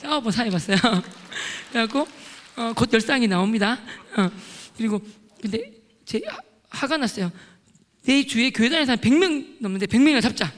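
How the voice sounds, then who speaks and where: A middle-aged man, a lay deacon, giving an excitable testimony sermon at a church prayer meeting and loudly acting out scenes. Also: very high voice, fairly quick. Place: church sanctuary. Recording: long reverb of a large church hall.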